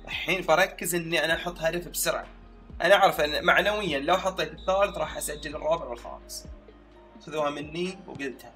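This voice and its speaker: A young man giving excitable live commentary on his own football video game match, shouting at his players. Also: a little high, fast talker, soft background music. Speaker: gaming streamer.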